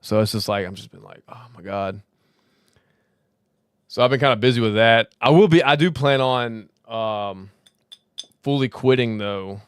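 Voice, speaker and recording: A man's voice: fairly low pitch, smooth, no room sound. Guy hosting a laid-back livestream, a little drunk, rambling and cursing, clean close sound. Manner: loose, rambling, swears freely, laughs often. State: tipsy, slurring slightly. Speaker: crypto livestream host. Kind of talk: casual livestream chat.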